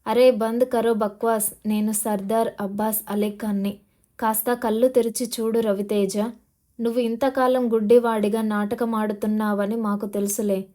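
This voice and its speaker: A woman's voice: a little high, little pitch movement, moderate pace, dark tone, lightly acted. A woman narrator voicing a menacing male gold smuggler boss, taunting and demanding, in an audio novel.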